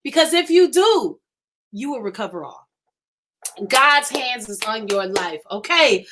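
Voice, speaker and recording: A woman preaching fervently to live-stream viewers, emphatic and excited, repeating her phrases and stammering when she gets worked up. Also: a little high, unhurried. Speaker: inspirational speaker hosting a live stream.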